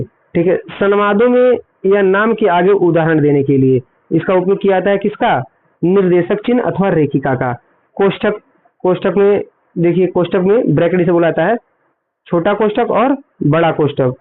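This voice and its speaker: A man's voice: high-pitched, slight background noise. A man teaching an exam-prep grammar lesson, explaining step by step and asking questions he then answers himself. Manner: explanatory, repeats points and asks then answers quiz questions. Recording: tinny phone-like audio.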